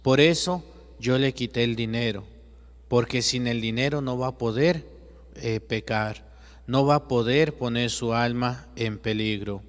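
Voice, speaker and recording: A man playing a gentle divine teacher: quiet and measured, in a reverberant space. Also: medium pitch, natural voice. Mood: calm. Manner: soft, measured, explaining. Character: calm, patient divine teacher, gentle and wise. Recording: long echoey reverb.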